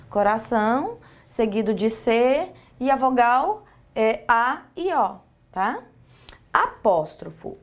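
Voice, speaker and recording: Brazilian woman teaching a lesson. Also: fairly high pitch. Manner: explains step by step, asks and answers her own questions, many fillers. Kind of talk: recorded online lesson.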